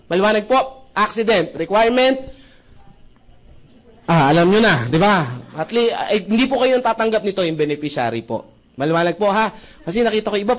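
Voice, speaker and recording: A man presenting membership benefits to a live audience in a joking sales talk, often checking in with the crowd with rhetorical questions. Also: high voice. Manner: jokey, with frequent rhetorical "tama ba?" checks; addresses the audience as brothers and sisters.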